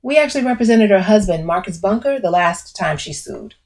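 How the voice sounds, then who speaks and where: A woman voicing a smooth, brash middle-aged male lawyer who talks bluntly and swears. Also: mid-range voice, animated, fairly quick, darkish tone.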